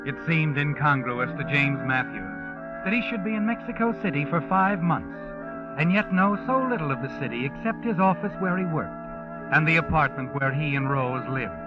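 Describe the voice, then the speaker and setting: A man playing a mysterious, ominous storyteller in a 1940s radio mystery, theatrical, foreboding and measured. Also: fairly high pitch, animated, close to an everyday voice. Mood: brooding. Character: mysterious, ominous male storyteller who walks by night. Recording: muffled old radio recording. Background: music.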